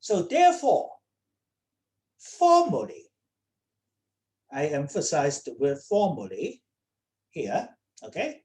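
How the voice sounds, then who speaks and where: Slow-spoken woman lecturing with many "okay?"s. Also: low voice, huge pitch swings, mellow. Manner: checks in with students often, repeating "okay?". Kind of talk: online lecture. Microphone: computer mic on a video call.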